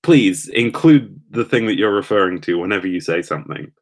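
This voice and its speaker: A man's voice: deep voice, lively intonation, brisk. A man streaming live for the first time, chatting casually with viewers in a nervous, rambling, self-deprecating way. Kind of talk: casual chat reading live comments.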